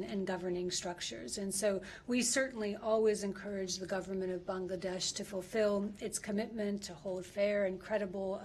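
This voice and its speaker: A woman government official answering questions at a press briefing, speaking in measured policy language and often pausing to find words. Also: mid-range voice, darkish tone, a little hiss or hum.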